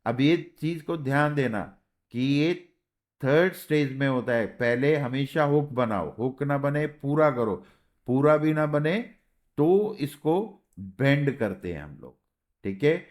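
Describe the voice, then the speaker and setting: Man, Indian accent, shorthand teacher, slow deliberate pace, middle pitch, repeats words, patient. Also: lively intonation. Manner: patient, repeats words slowly, checks in with "theek hai". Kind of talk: explaining a lesson while writing.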